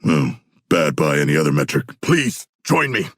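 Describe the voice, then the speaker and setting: An actor playing a huge, proud, bookish male shark warrior in a video game, speaking in formal, stilted, literal-minded phrases with a gravelly, husky voice. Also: extremely low pitch, very animated, normal speed, a bit bright, dry recording, clean studio sound, exaggerated voice. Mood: formal, deadpan. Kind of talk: video game character voice lines.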